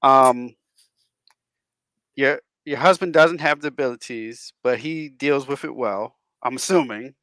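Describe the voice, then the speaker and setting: Bright-voiced male talk radio host. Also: medium pitch, a little slow, no room sound. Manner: laughs often, rambling questions with restarts. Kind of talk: casual interview chat.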